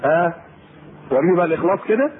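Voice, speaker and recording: An Egyptian man preaching a colloquial sermon to women, lively and teasing, acting out the people he quotes. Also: high-pitched, racing. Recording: tinny phone-like lecture tape with faint hiss.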